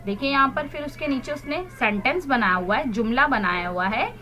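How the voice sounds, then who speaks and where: A primary school English teacher leads a recorded online class for young children, explaining in Hindi and spelling words out letter by letter. Her high voice is pushed and bright, with lively intonation and a slightly fast pace.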